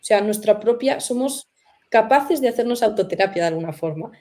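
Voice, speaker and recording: As host of a conversational interview, she sounds reflective, leaning on fillers and asking plenty of rhetorical questions. Her medium-pitched voice is expressive with a dark tone, and her pace is a little quick.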